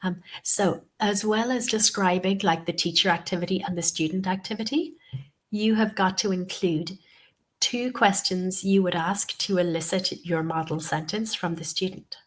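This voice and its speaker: A TEFL course tutor, a woman with a cold, gives a webinar lesson in a sniffly, mid-range voice with fairly even intonation at a moderate pace. She speaks patiently, repeats her key points and often says "okay" and "um".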